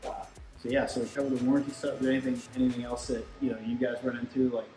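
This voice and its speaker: A man with a mid-pitched voice talks casually through technical product details in a conversational, explanatory way. The room is echoey, with shop machines running and music in the background. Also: level tone, racing. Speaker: turbo shop product expert and presenter. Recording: roomy echo, music, machinery behind.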